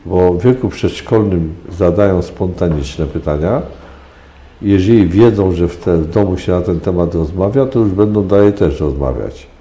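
Deep-voiced older man lecturing emphatically. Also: normal speed, warm tone, echoey room. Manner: lecturing, emphatic, with frequent hesitations. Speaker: sexologist guest. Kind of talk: radio interview answers.

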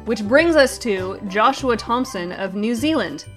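A woman hosting a scripted comedy news segment with a brisk, wry, deadpan delivery. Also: a little high, faint music behind. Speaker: comedy show host.

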